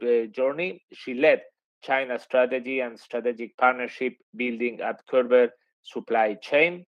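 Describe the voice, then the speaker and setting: A man's voice: medium pitch, no room sound. A man moderating a webinar, introducing speakers and asking questions with many hesitant fillers. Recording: dry, dull lo-fi sound.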